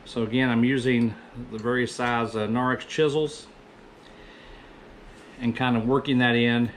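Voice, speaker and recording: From a small indoor woodworking shop, a man in his fifties gives a casual, wandering voice-over about his own build, often fixing his own words. He speaks at medium pitch with fairly even intonation and a measured pace, over a little hiss or hum.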